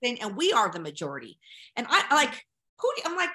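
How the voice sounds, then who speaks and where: A Colorado woman guesting on a podcast speaks briskly in a high-sitting, pushed and bright voice whose pitch swoops wildly. Her talk is casual, brash and slangy, straightforward and heavy with strong opinions.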